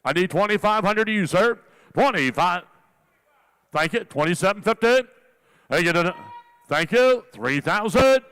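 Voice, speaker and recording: High-pitched male auctioneer in rapid chant. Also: expressive, fairly bright tone, smooth. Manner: repetitive, rolling filler phrases between numbers.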